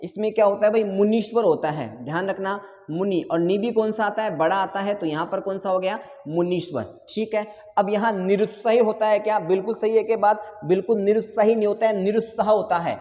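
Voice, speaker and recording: A man's voice: high voice, fairly quick, hardly any pauses, warm tone, in a large hall. A male teacher giving an online exam-prep lesson, repeating answers and quizzing his students again and again.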